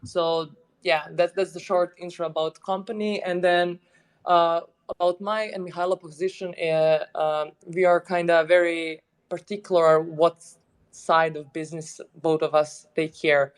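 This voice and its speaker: A man from Serbia, head of business development, joins an online audio stream as a guest. His voice is on the high side, clear and resonant, and a little slow, and he chats in a relaxed way, laughing often, with loose non-native phrasing.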